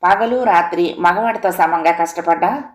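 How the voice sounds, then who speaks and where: A woman narrating a literary audio story in a steady, composed reading voice. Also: lowish voice, moderate pace.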